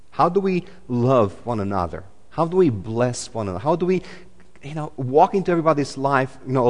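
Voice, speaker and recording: This is a mid-range male voice with big-room acoustics, belonging to a Romanian preacher in his forties. He gives his church sermon casually, stumbling through fillers and restarts.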